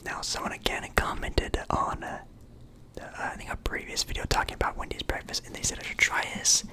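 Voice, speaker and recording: A man's voice: brisk, sharp tone. A young man whispering casually as an ASMR creator, chatting about food between bites.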